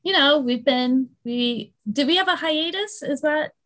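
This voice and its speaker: A young woman from the US East Coast co-hosting a podcast in casual chat, talking fast and giggling as she mocks herself. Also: sits high, fairly bright tone. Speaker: podcast co-host.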